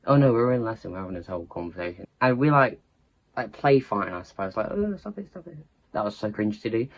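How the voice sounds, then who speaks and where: A man's voice: lowish voice, fast, highs cut off. Rambling teen boy. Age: teens. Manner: rambling, self-interrupting, chatty. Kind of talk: casual storytime chat.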